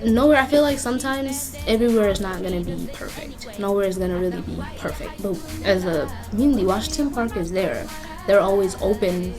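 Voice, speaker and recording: Earnest young woman from Kenya, music underneath. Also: medium pitch. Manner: earnest, reflective. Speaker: interviewee. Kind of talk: casual interview. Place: community center.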